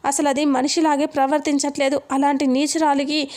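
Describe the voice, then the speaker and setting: A woman's voice: sits high, little pitch movement, a little fast, a little mellow, close to an everyday voice. A woman reading as a scheming proud lady. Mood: scornful. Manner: retold plainly in the narrator's own voice.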